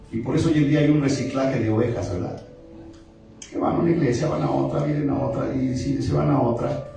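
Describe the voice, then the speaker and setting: A man's voice: medium pitch, creaky. A man preaching a sermon as pastor, with emphatic call-and-response delivery. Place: church sanctuary. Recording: echoey church hall from a distant mic, music behind.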